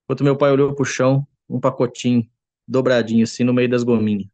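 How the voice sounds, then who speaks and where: A man gives an earnest testimony before a church congregation. His voice sits at an ordinary middle pitch, and the sound is close and dry with no room echo. He often turns to his listeners as brothers as the story goes on. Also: fairly even intonation, fast talker, mellow, highs cut off. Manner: acts out quoted voices. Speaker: church member giving testimony.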